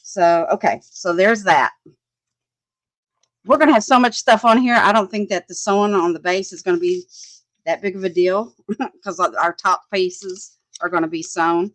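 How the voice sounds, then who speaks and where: Woman, crafting host, chatty and rambling, mid pitch, dry close sound. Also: moderate pace, fairly bright tone, dry recording, low-quality recording. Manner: chatty, rambling, thinks aloud, laughs often, reads and answers comments. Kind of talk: casual crafting chat.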